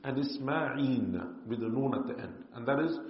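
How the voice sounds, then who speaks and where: A man teaching a religious lesson in a calm, explanatory way. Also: mid-range voice, fast. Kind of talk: religious lecture. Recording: echoey hall, muffled.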